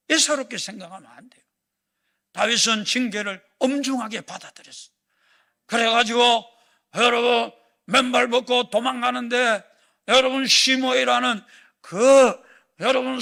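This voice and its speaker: Gravelly high-voiced pastor preaching. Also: male voice. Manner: impassioned preaching that swings from shouts to hushed whispers. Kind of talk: sermon. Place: church sanctuary.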